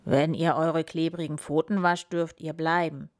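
A woman's voice: sits low, level tone, a little slow. A woman doing a grumbly big bear. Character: big grumbly male bear, gruff but kind.

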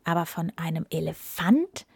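A woman voicing a clever, flattering male talking cat from a fairy tale, with a bright, eager, cunning manner. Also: low voice, normal speed, gravelly, husky, dry recording, clean studio sound, heavily acted.

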